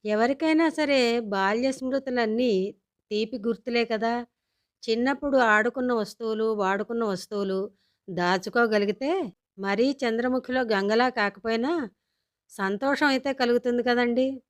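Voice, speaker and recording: Casting: woman narrator, lively and playful storytelling, higher-pitched. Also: normal speed.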